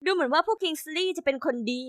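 A woman narrating an animated first-person story in a lively, scripted storybook manner. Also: very high-pitched, very fast, no echo, studio quality.

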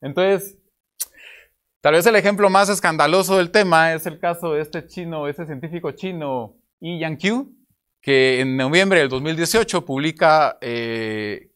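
Man, Guatemalan accent, conference speaker, explanatory, table mic, a bit high-pitched. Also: a little slow, fairly bright tone, clear, resonant tone. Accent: Guatemalan Spanish. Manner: explanatory, gestures while speaking, rhetorical questions. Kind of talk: academic conference talk. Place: conference room with projector slides. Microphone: table microphone at a panel.

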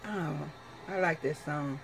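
A woman's voice: low-pitched, slow pace. A middle-aged woman chatting casually to the camera during a mukbang, talking between bites as she eats. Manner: mukbang eating, talking between bites with mouth often full. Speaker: mukbang vlogger. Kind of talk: casual chat to camera while eating. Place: small wood-panelled room indoors at home.

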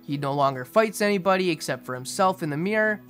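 A young man giving a casual aquarium update voice-over in a monotone, restrained way. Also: high-pitched, fast talker. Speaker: fishkeeping video host. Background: music behind the voice.

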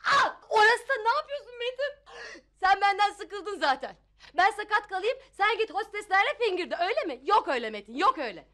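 A shrill, theatrical sitcom landlady. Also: lively intonation, a little fast, fairly bright tone. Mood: whiny. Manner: theatrical, haughty, melodramatic. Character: fussy dramatic landlady, married woman. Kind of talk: sitcom acting.

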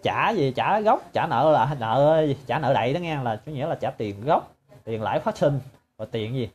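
A man's voice: mid-range voice, a little mellow, a little hiss or hum. A man giving a sarcastic, mocking monologue to his viewers. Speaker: political commentator.

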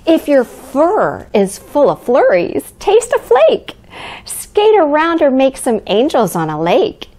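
Woman as high, sing-song Mrs. Claus. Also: wildly swooping pitch, slow pace, darkish tone, heavily acted. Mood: playful, lively. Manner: sing-song, exaggerated, addressing young children. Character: Mrs. Claus, cheerful elderly grandmotherly storyteller. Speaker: children's storyteller. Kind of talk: expressive picture-book read-aloud for children. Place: living room by a fireplace, indoors.

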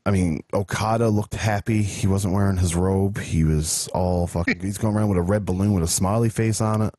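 A man's voice: deep voice, steady tone, a little fast, warm tone. A man hosting a podcast, chatting casually and giving blunt, profane opinions. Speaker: podcast host. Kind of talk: casual chat.

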